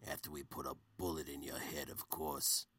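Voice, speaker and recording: A man voicing a menacing middle-aged mob boss who talks in a slow, streetwise gangster drawl in a comedic audio story. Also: a bass voice, little pitch movement, sharp tone, breathy edge, no echo, voice pushed down, heavily acted.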